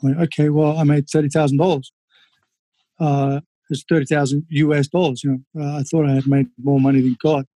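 A man's voice: a little high, little pitch movement, a little fast, dark tone, dry recording. A man, a former kickboxer, telling stories in a casual interview, candid and swearing freely with lots of fillers.

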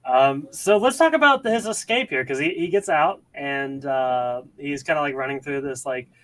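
Bright, forceful male podcast host. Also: fairly high pitch, animated, normal speed, low-quality recording. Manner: chatty, many fillers and restarts. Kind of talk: casual chat about a TV series.

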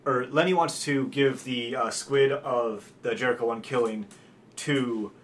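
A man co-hosting a podcast, casually explaining a film's story in quick bursts. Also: medium pitch, slight background noise. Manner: explains plot context in quick bursts, with restarts. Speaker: podcast co-host. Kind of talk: casual film discussion.

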